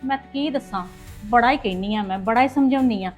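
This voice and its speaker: A woman in a scripted family drama, talking very fast in a fairly high voice. Faint music plays under her lines. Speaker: housewife sister in a family web drama.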